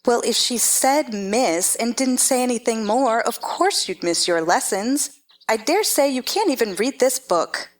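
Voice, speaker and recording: A woman performs an imperious storybook queen in a theatrical dramatization. Her voice sits fairly high and swings widely in pitch. She is haughty and scolding, handing out clipped commands. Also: animated, a little slow. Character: haughty, bossy Red Queen, imperious chess-piece monarch.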